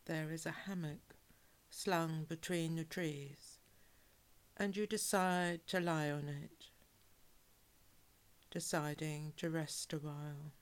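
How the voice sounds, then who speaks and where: Woman, low-voiced hypnosis guide; calm, unhurried delivery with soft breathy endings. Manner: calm, measured, soothing, with drawn-out phrases. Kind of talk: guided relaxation hypnosis, soothing scripted narration.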